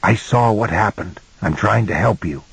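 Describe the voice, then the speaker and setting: A man voicing a calm sixty-something helper. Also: on the low side, moderate pace, gravelly, husky, no echo, full character voice, low-quality recording. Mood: urgent. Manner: hushed, urgent then steady. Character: calm reassuring man in his sixties.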